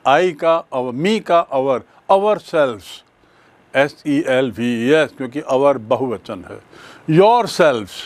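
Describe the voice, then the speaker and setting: A man teaching English grammar in a bilingual classroom lecture, explaining deliberately with examples and spelled-out letters. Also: high-pitched, no room sound.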